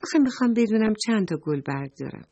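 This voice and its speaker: A woman's voice: mid-range voice, big pitch swings, warm tone, a little hiss or hum, voice pushed up. A woman reading a children's story, voicing a polite, grateful little red flower.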